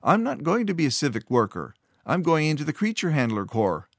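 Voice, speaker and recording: Guy doing a young eager traveler voice, higher and earnest, dry close mic. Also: sing-song, normal speed, husky, dry recording. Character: earnest young man, eager and a bit naive. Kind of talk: storybook narration.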